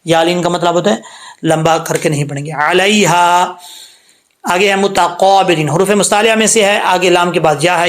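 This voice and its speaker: A man. He explains each rule step by step in a patient, steady way. Then he draws each word out slowly for students to copy. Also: high-pitched. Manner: explains rules patiently, then slowly recites words aloud. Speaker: Quran tajweed teacher. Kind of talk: word-by-word recitation lesson.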